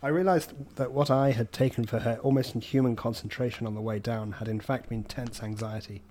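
A man's voice: mid-range voice, steady tone, a little fast, darkish tone. A man reading a story aloud to friends, laughing as he reads.

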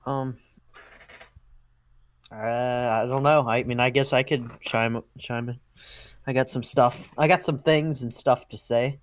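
A man's voice: medium pitch, steady tone, slow pace, pauses often, no room sound. An American man co-hosting a podcast, chatting casually with a rambling manner, lots of fillers and restarts. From United States. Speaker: podcast co-host. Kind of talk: casual chat.

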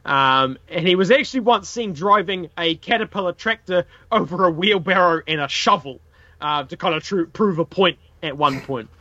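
A man with a broad New Zealand accent hosts a casual history podcast. His voice is bright and high for a man, and his wording is colloquial and peppered with swearing. The recording is a little dull and boxy. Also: lively intonation, normal speed, no room sound. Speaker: podcast host.

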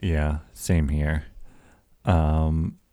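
A man's voice: rumbling low, flat delivery, very slow, warm tone, no echo, clean studio sound. A man in his forties co-hosting a podcast, chatting casually in a laid-back, teasing way and laughing often. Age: 40s. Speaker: podcast co-host. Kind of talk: casual chat.

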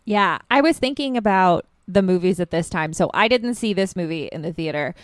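A woman's voice: lowish voice, lively intonation, fairly quick, dry recording. A woman co-hosting a film podcast in casual chat, chatty and laughing often as she goes off on tangents. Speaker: podcast co-host.

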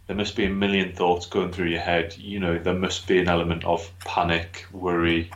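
A man co-hosting a casual podcast, supportive and quick with short agreements. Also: low-pitched, flat delivery. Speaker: podcast co-host, expectant father. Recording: roomy, dull lo-fi sound.

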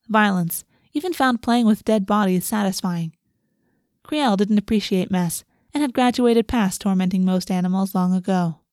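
A woman's voice: mid-range voice, darkish tone, no echo, studio quality. A woman reading scripted fantasy fiction as an audiobook narrator.

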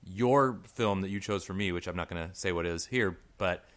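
A young man with a mid-range voice talks films in a loose, rambling way. He restarts often and his voice jumps up when he gets excited. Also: sits low, a little fast. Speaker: podcast co-host. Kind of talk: casual chat.

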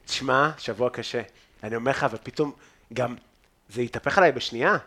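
A man's voice: mid-range voice, bright, forceful tone. A stand-up comedian guest telling stories in a casual chat, laughing often, swearing freely and acting out his anecdotes. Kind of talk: casual chat, animated storytelling. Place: home loft, indoors.

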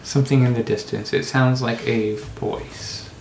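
Tabletop game master, mid-pitched, unhurried and halting narration, roomy sound. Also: fairly even intonation, creaky, darkish tone. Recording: roomy, echoey, faint background noise.

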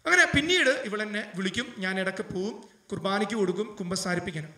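High-voiced priest guy giving an emotional sermon, sounds far from the mic in a big echoey space. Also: very animated, fast talker. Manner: emotional preaching, rising to loud fervent appeals. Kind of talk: sermon storytelling.

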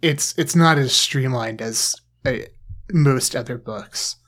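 A man's voice: mid-range voice, slow pace, fairly bright tone. A man hosting a podcast in casual chat, dry and teasing, rambling with plenty of fillers. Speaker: podcast host.

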